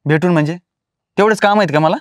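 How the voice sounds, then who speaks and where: An actor playing an irritable, two-timing husband who answers defensively and snaps back. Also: male voice, high-pitched, fast talker, dry recording, studio quality, lightly acted. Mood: snapping. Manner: defensive, snapping, short-tempered. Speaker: cheating husband. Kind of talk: comedy film acting.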